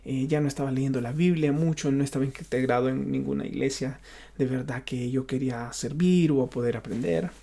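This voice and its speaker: A Honduran pastor with a Honduran Spanish accent gives an unscripted personal testimony, frequently halting and repeating himself as he gropes for words. His mid-range voice is creaky and warm, with fairly even intonation.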